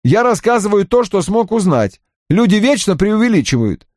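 A man's voice: high-pitched, very animated, normal speed, darkish tone, dry recording, clean studio sound, voice pushed up. A man reading an audiobook, voicing an eager young male assistant who reports in long-winded, overly formal sentences. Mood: earnest. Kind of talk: audiobook character voice.

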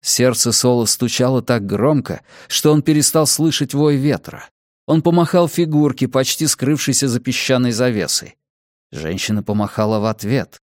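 A man narrating an audiobook in a measured, dramatic reading style. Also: medium pitch, darkish tone, no echo, clean studio sound. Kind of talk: scripted narration.

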